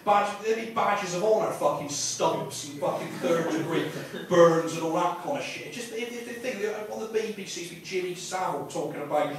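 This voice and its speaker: A high-pitched English comedian wanders off-topic on stage, cursing freely and stumbling over repeated words while a crowd listens in a small pub venue. The live club capture sounds roomy, noisy and far away, backed by audience laughter and the hum of the room.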